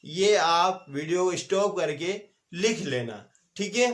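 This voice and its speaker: A man with a fairly high voice teaches an online English grammar class. He works through each point step by step, poses questions and answers them himself, and slows down to repeat key examples so students can write them down. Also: animated, fairly bright tone. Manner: repeats key examples slowly for note-taking.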